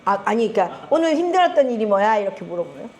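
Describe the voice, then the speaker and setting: A middle-aged woman with a Gyeongsang Korean accent gives a lively talk to a seminar audience as a network marketing group leader, teasing them and asking them questions. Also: medium pitch, very fast, a little hiss or hum. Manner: animated, teasing, asks the audience often and laughs. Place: seminar room with a live audience.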